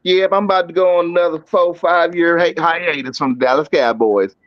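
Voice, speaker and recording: A man's voice: fairly high pitch, fairly even intonation, brisk, dry recording, muffled recording. A man in casual sports chat, talking emphatically and repeating himself for effect, on a remote call mic.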